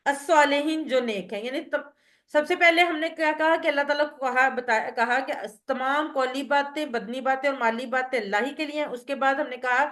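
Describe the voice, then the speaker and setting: Woman, high voice, patient word-by-word revision lesson. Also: a bit bright. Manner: patient, breaks words into parts and translates each. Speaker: Quran teacher.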